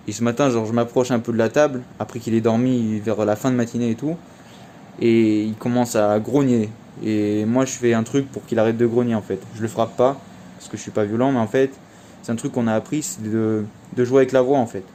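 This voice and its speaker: A young man talks through his day in a relaxed, slangy vlog ramble, leaning on fillers as he goes. His voice is mellow and warm. There is a faint hiss under the recording. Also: mid-range voice, moderate pace. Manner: chatty, slangy, many fillers like "en fait". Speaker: vlogger. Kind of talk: casual storytelling vlog.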